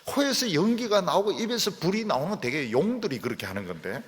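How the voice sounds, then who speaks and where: Man preaching a sermon, dramatic and lively, voice goes way up and down, church hall echo. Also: high voice, fast. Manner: animated, dramatic storytelling preaching. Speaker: pastor. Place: church sanctuary. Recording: long church hall reverb.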